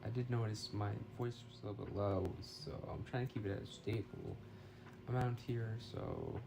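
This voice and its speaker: A man's voice: lowish voice, huge pitch swings, moderate pace, gravelly, noisy background. A man casually talking through his work on a live stream, thinking aloud hesitantly, slightly far from a phone mic. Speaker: game development live streamer. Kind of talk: casual live stream commentary while working. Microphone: phone used as a microphone. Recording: slightly distant phone mic, roomy sound. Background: music.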